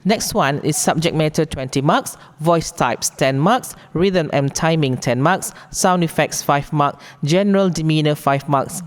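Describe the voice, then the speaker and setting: A woman with a low voice and a Malaysian accent sets out rules in a formal briefing. She is deliberate and instructive, taking things item by item. The sound carries a long, echoing reverb. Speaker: competition briefing presenter.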